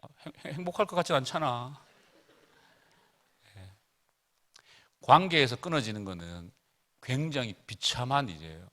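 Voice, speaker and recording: A man's voice: mid-range voice, animated, moderate pace, long pauses, bright, forceful tone. A middle-aged man preaching casually to teenagers at a retreat, chatty and joking as he tells family stories.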